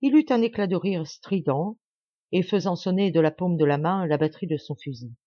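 A woman reading a literary audiobook with steady, expressive narration. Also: fairly low pitch, a little fast, dry recording. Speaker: audiobook reader. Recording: dull dry lo-fi audio.

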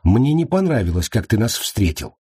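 A man's voice: lowish voice, big pitch swings, normal speed, breathy edge, no room sound, clean studio sound, full character voice. A man voicing a blunt, protective young woman in an audiobook, raising his voice well above his own. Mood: firm, sarcastic. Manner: firm, sharp.

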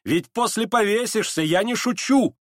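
A scornful young woman in a storybook reading, imperious and exclaiming, put on by a male reader. Her lines leap up high and fall away. The sound is dry and close. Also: lively intonation, moderate pace, fairly bright tone, no room sound. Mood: taunting. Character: proud, reckless young woman, scornful and commanding.

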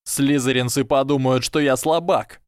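A man's voice: medium pitch, steady tone, moderate pace, smooth, no room sound, studio quality, pitched above the performer's own voice, lightly acted. A man voicing an arrogant, scheming schoolboy wizard who drawls and mocks. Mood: desperate whisper. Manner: drawling, mocking.

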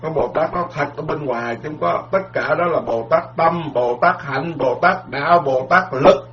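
Man, Buddhist monk, dharma lecture, repetitive and emphatic, fairly high voice, muffled lo-fi recording. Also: moderate pace. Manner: repetitive, folksy, emphatic with proverbs.

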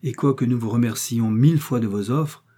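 Brief: old servant woman, courteous yet stubborn, husky mellow voice, male reader. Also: medium pitch, moderate pace, natural voice. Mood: politely firm. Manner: respectful but unyielding. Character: polite, firm elderly servant woman.

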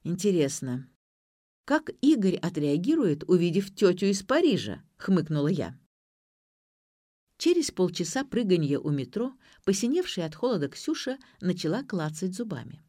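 A woman reads a story aloud in a lively, expressive voice with a wide, animated pitch. Her voice sits at an ordinary middle height. The recording is dry and close to the mic. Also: moderate pace, dry recording. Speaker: audiobook narrator. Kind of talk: audiobook reading.

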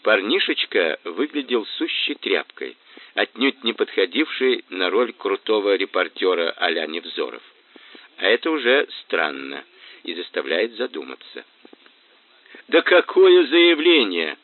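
A man narrating an audiobook with a lively, expressive reading. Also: low voice, measured pace. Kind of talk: scripted narration. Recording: tinny phone-like band, dry.

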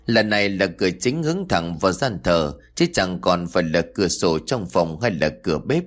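A man narrating a horror audiobook in a steady, measured reading voice. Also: sits low. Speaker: storyteller.

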